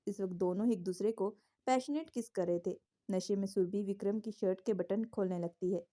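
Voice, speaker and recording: Mellow-voiced woman narrating a story. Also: mid-range voice. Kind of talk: scripted narration of a romance story.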